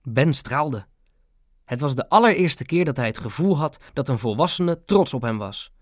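A man narrating a children's audiobook in a lively storytelling manner. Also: mid-range voice, normal speed, dry recording, studio quality.

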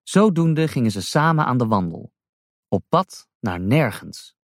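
A man reading a rhyming children's story aloud as a storyteller, slow and expressive. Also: medium pitch, dry recording, studio quality.

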